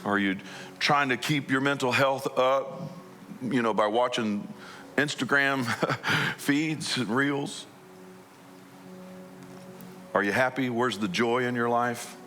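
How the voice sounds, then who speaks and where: A man's voice: mid-range voice, slow pace, long pauses, pushed and bright, faint music behind. A man preaching a conversational sermon as a pastor, asking his listeners many questions.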